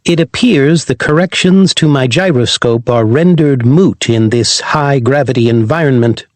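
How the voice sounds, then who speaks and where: A man's voice: mid-range voice, normal speed, dry recording, pitched above the performer's own voice, natural voice. A man voicing a male robot corgi who talks in a formal, precise way and mocks his crewmates.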